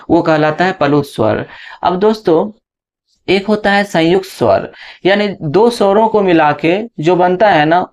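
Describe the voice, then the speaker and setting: Man, teacher, slightly high pitch, step-by-step explanation, frequent check-ins, slow recited letter sounds. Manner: draws out letter sounds slowly when reciting them. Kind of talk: classroom lesson explanation.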